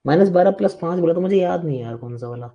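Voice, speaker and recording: A man's voice: on the high side, animated, racing, dark tone, lo-fi sound. A man teaching a live online maths class, chatty and reassuring but firm with students who interrupt.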